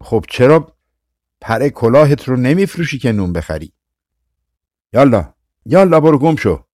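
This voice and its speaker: A man's voice: medium pitch, expressive, darkish tone, dry recording, studio quality, close to an everyday voice. A man doing a harsh, jeering brute. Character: rough, mocking brother, crude and cruel.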